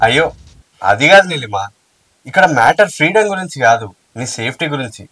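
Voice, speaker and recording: A man's voice: medium pitch, big pitch swings, fairly quick, bright, forceful tone. Man playing a worried, pleading young husband. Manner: pleading, soothing. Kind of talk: short film acting. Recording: distant mic with faint music.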